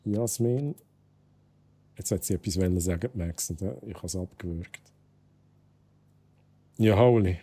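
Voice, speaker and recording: A man's voice: deep voice, normal speed, husky. A man with a Swiss German accent, chatting casually to viewers while he plays a game. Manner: relaxed, chatty, says goodnight to viewers. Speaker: game streamer. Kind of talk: casual gameplay commentary, reading in-game texts aloud.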